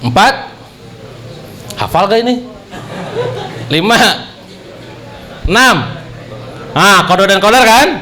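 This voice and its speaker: Brief: young man, high voice, animated storytelling speaker at a religious talk, joking straight at the audience. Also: slow, long pauses. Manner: animated, jokey, addresses audience directly.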